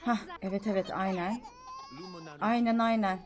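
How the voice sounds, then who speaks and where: A young woman streaming a life-sim game, chattering excitedly, scolding the characters and swinging from mutters to shouts. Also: medium pitch, moderate pace. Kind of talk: live gameplay commentary.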